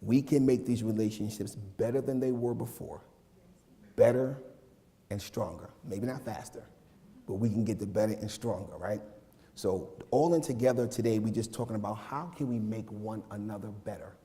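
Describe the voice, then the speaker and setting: A man's voice: fairly low pitch, normal speed, warm tone. Joking preacher in his forties. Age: 40s. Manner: joking, conversational preaching with playful asides. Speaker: minister. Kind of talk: sermon. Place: church sanctuary. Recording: long reverb of a large church.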